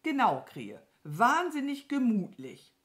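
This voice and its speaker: Kind thoughtful storybook cow, as a woman reads her, earnest, lively pitch, slow. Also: full character voice. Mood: musing. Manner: earnest, musing. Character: gentle curious cow, thoughtful.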